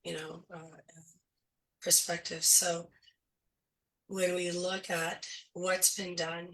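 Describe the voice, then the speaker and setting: A woman's voice: lowish voice, flat delivery, takes it slowly, a bit bright, recorded from a distance, poor audio. A woman running for school board, explaining things in a thoughtful, casual way with many fillers while she is losing her voice. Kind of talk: casual discussion.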